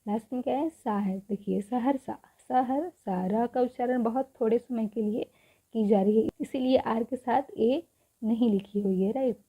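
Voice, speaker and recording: A woman teaching spelling in Hindi, spelling words out slowly letter by letter, repeating each word and asking rhetorical questions. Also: a little high, warm tone, slightly rough. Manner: asks rhetorical questions to the viewer. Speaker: English teacher. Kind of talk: spelling lesson, Hindi explanation. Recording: dull lo-fi recording.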